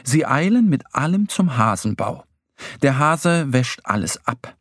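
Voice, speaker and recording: A man narrating a children's story in a gentle, expressive storytelling manner. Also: mid-range voice, unhurried, no room sound, clean studio sound.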